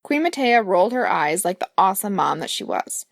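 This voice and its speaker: A woman's voice: mid-range voice, big pitch swings, brisk, gravelly, no room sound, clean studio sound. A woman, the author, reading her own fairy-tale audiobook, playful and speaking asides to the listener. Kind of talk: audiobook narration.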